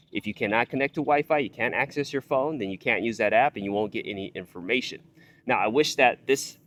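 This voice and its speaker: A man's voice: mid-range voice, slight background noise. A man giving an explanatory product review to viewers, repeating key points for emphasis. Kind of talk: product review talk to camera.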